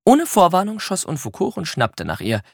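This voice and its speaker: A man reading a children's story aloud as scripted narration, in an expressive storytelling manner. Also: high voice, normal speed, gravelly, no room sound, clean studio sound. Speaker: audiobook reader.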